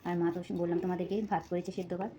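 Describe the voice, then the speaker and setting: A young woman with a Bengali accent chatting casually to her viewers while chopping vegetables at home, a little out of breath and speaking softly. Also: lowish voice, little pitch movement, very fast, slight background noise, low-quality recording. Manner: chatty, many fillers, addresses viewers as friends. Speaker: vlogger, mother of two. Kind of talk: casual vlog chat while cooking. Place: home kitchen.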